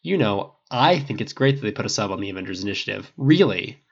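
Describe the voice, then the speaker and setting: A man's voice: a little high, very animated, fairly quick, pitched above the performer's own voice. A man putting on a pushy, flirty agent. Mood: pushy, wheedling. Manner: insistent, wheedling. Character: pushy smooth-talking male agent, persistent and flirty. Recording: dull lo-fi recording.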